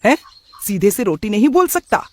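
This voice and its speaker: A man's voice: high-pitched, very animated, normal speed, no echo, pitched above the performer's own voice. A man voicing a strict, middle-aged traditional father who scolds his son in a cartoon story. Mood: scolding. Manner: scolding, stern. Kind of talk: cartoon voice acting.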